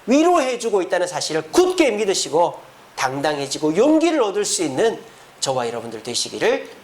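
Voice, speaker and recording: Animated Korean pastor preaching. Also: male voice, high-pitched, a little fast, slight background noise. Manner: lively preaching with rhetorical questions to the congregation. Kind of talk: sermon. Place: church sanctuary.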